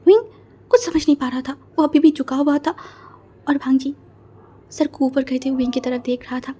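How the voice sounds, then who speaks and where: A woman's voice: high-pitched, steady tone, normal speed, warm tone. A young woman giving a casual, chatty retelling of a fan-fiction story, with dramatic asides to the listener.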